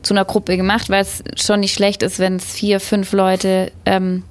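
Woman, event organizer, radio chat, clear step-by-step explaining. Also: mid-range voice, monotone, normal speed.

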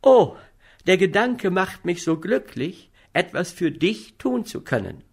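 A man's voice: sits high, very animated, slow, gravelly, voice pushed up, exaggerated voice. A man reading an audiobook, voicing a sweetly enthusiastic young woman in a raised, eager tone. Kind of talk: audiobook character voice.

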